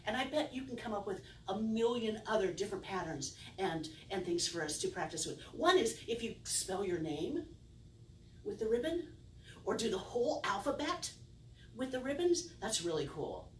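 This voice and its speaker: A woman's voice: medium pitch, very animated, moderate pace, distant mic. A middle-aged woman plays the kids' party magician with big, swooping intonation. She is theatrical and playful, full of exaggerated wonder and mock puzzlement. The sound is roomy, picked up by a camera some way from her small indoor stage, with faint noise. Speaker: children's magician and circus performer. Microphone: distant camera.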